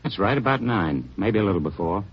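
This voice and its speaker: An actor playing a chatty, eager-to-please hotel manager who rambles in a folksy way, on a muffled vintage radio broadcast. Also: male voice, lowish voice, animated, brisk, slightly rough. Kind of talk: 1950s radio drama acting.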